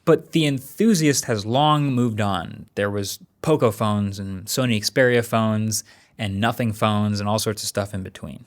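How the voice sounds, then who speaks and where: A man giving conversational tech commentary as a video reviewer, casual and wryly understated, with deliberate emphasis. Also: on the low side.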